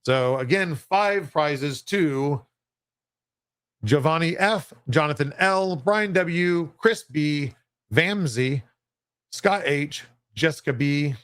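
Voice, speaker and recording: A man's voice: fairly high pitch, takes it slowly, fairly bright tone, clear, resonant tone, no room sound. A man hosting a livestream giveaway, announcing in a casual, chatty, unpolished and self-deprecating way.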